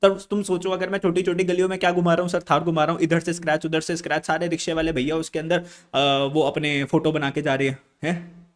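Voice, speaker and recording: A male teacher giving an energetic lesson. He keeps putting questions to the class, answers them himself, and addresses the students as brother or child. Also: on the high side, quick pace. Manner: banters with students, calling them "bhai" and "beta". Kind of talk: energetic classroom-style lecture. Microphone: microphone he points to as an example.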